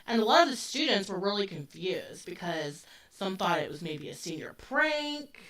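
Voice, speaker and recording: A podcast co-host in her forties talks through a true-crime case in a loose, chatty way, with frequent fillers. Her medium-pitched voice is bright, forward and sing-song at a normal speed, but she sits a little back from the mic, so she sounds slightly distant.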